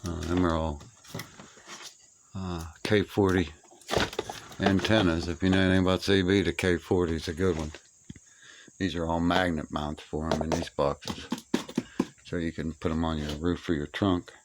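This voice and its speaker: Showing off old radio gear as he clears out a cluttered old room, a middle-aged or older hobbyist rambles casually and muses aloud in folksy, plain language. His low voice has little pitch movement, a moderate pace, and many pauses. It's a noisy amateur recording where clicks and insect chirps can be heard.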